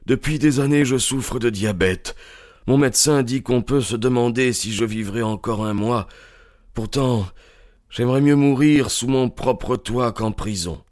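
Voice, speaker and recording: A man's voice: medium pitch, unhurried, a little mellow, dry recording, clean studio sound, natural voice. An actor playing a remorseful old man who is dying, speaking in a heavy, weary, pleading way.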